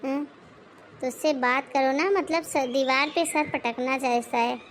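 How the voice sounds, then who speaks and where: A woman voicing a bossy, sarcastic mother-in-law in her forties in an animated moral story, scolding and mocking. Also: high voice, a little slow, a little hiss or hum. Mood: taunting.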